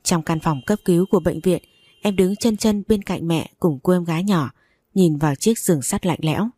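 A woman narrating a first-person audio story in a steady, even reading voice. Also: fairly low pitch, moderate pace, husky, no room sound.

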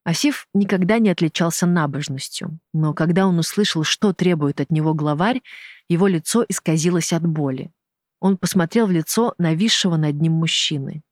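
An audiobook narrator reading a dramatic novel in a measured, even way. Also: mid-range voice, no room sound, clean studio sound. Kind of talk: scripted narration.

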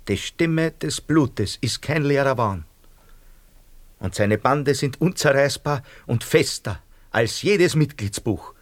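In a radio drama, an actor with a mid-range male voice plays a middle-aged Austrian shopkeeper who is self-pitying and fawning, speaking with an Austrian accent. He takes it slowly with lively intonation, rambling theatrically in an insistent, wheedling mood, and there is no room sound.

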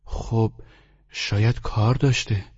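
A man's voice: fairly low pitch, steady tone, a little mellow, breathy edge, dull audio, pitched above the performer's own voice. Man putting on a curious teenage girl. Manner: persistent, questioning. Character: inquisitive polite teenage girl.

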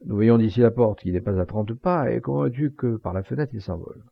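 A man's voice: mid-range voice, fairly quick, vocal fry, no room sound. A man voicing a proud, jealous young gendarme, in an aggrieved, stiff way, in a slightly muffled home recording. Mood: rueful.

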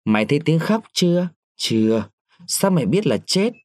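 A man voicing an old, greedy, quick-tempered village clerk who barks threats and harsh questions. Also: on the high side, sing-song, darkish tone, no echo, clean studio sound, voice pushed up. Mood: suspicious.

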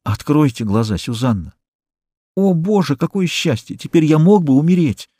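A man's voice: mid-range voice, big pitch swings, fairly quick, dark tone, husky, no echo, clean studio sound, voice pushed up. A man voicing a passionate young male artist who pleads with the woman he loves, reading in an audiobook. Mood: pleading. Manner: pleading, impassioned.

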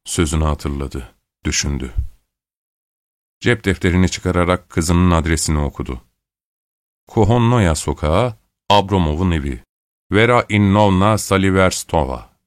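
Man reading a story out loud, lowish voice, dry close sound, calm steady delivery. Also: no echo. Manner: calm, measured reading; raises pitch for female characters' quoted lines. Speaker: audiobook narrator. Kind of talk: scripted literary narration.

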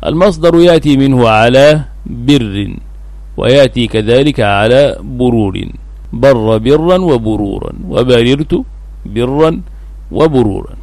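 A man teaching as a sheikh, explaining a classical text in a recorded lesson and repeating words slowly for emphasis. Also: medium pitch, expressive, darkish tone, dry recording.

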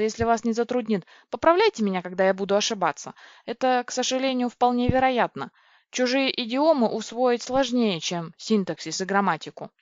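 A woman's voice: a little high, no room sound, close to an everyday voice. A woman reading a storybook voices a male crocodile-spider alien scout who speaks courteously, formally and precisely. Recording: dry, dull lo-fi recording.

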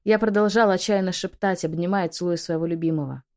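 A woman reading a first-person fantasy romance audiobook, emotional and often hushed. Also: lowish voice, fairly even intonation, quick pace. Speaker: audiobook narrator.

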